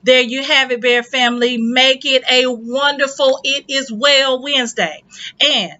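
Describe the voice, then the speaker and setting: A woman's voice: high voice, steady tone, measured pace, highs cut off, a little hiss or hum. A woman, an assistant principal, reading upbeat, encouraging school morning announcements over the intercom. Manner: upbeat, encouraging, warm sign-offs.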